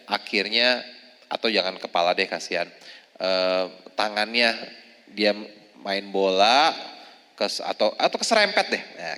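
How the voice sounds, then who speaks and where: A man's voice: fairly low pitch, pushed and bright. A man preaching casually to a group of women, chatty, often checking in with his listeners. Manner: chatty, tags lines with "ya, Bu". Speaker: Islamic preacher. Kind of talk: religious study talk to women. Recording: long reverb of a hall.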